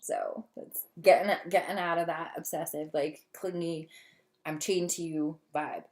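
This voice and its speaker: A woman doing a casual tarot reading to camera, talkative and long-winded, gushing and easily excited. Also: low voice, unhurried. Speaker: tarot reader.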